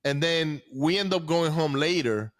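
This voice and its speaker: Speaking in a slightly high voice, this man in his forties, raised in Venezuela, recounts his life as a podcast guest. His delivery is casual and halting, with frequent restarts and repeated words.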